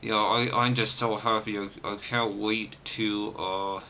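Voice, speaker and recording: A man's voice: on the low side, flat delivery, measured pace. Man talking through a sore, banded jaw, muffled. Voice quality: restricted, tight-jawed articulation from a banded, sore jaw after surgery. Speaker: vlogger. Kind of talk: casual first-person recovery vlog. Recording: muffled, lo-fi camera audio with clear background noise.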